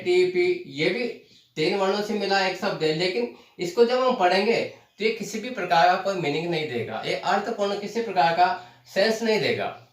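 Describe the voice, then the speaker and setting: A man teaching a lesson, explaining terms slowly, repeating them and asking the class questions. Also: high-pitched. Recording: echoey room, voice from far off the mic.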